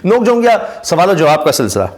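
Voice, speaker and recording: Man, slightly high voice, casual news commentary, rambling with fillers. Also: big pitch swings, a little hiss or hum. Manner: talkative, frequent "aa" fillers and pauses. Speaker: YouTube commentator.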